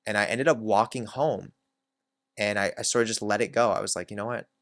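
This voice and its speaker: A man's voice: lowish voice, a little fast, a bit bright, no echo, studio quality. A man hosting his own channel, candidly telling a personal story in a reflective way, with many filler words. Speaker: self-help channel host.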